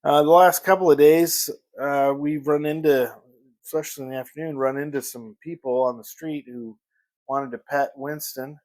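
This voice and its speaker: A man vlogging a casual morning chat at home, rambling and pausing to search for the right word. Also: a little high, steady tone, darkish tone. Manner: rambling, pauses to search for words.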